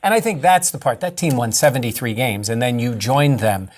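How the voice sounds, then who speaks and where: Guy breaking down sports on a radio panel, measured, mid voice. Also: medium pitch, lively intonation. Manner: measured, explanatory. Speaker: sports broadcaster guest. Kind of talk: sports talk analysis.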